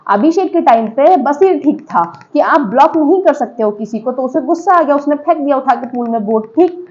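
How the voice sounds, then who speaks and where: A high-pitched, animated woman talks a little fast with a darkish tone, sharing emphatic opinions casually with reality show viewers. She weaves in English words and checks in with her audience, and the highs are cut off.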